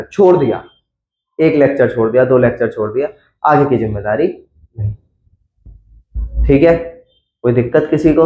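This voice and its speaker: Male teacher, high voice, chatty lecturer who quizzes the class; roomy echo. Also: a little mellow, dull audio. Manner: chatty, coaxing, quizzes students. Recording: echoey classroom.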